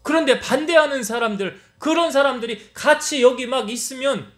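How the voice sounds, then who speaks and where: A man's voice: very high voice, normal speed, a bit bright. A male pastor preaching a Wednesday service sermon and acting out the lines of the people in his story. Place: church sanctuary. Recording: echoey church hall.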